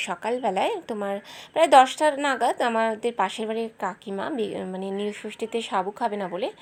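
A young woman chatting casually to her viewers in a home vlog. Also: on the high side. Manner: chatty, addresses viewers as friends. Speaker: vlogger.

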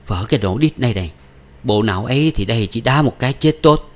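A man's voice: medium pitch, lively intonation, fast, close to an everyday voice. A man reading an audiobook, voicing a blunt, hot-headed young laborer close to his own voice.

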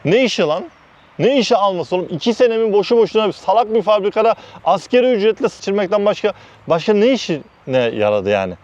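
A man from Turkey telling a heated story about his workplace, blunt and animated, repeating "I said" between quoted lines. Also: sits high, a little fast, muffled recording. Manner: heated, animated retelling with constant "dedim" between quoted phrases; blunt, uses mild swearing. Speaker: vlogger recounting work experiences. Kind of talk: casual storytelling.

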